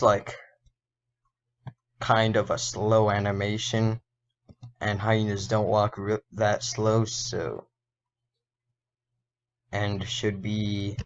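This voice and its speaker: A man talks through his animation work in a casual, think-aloud tutorial, often stopping to correct himself. His voice is a bit hoarse and gravelly, and he speaks at an unhurried crawl. The recording sounds dull and lo-fi. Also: on the low side. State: slightly hoarse. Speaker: indie game developer and animator.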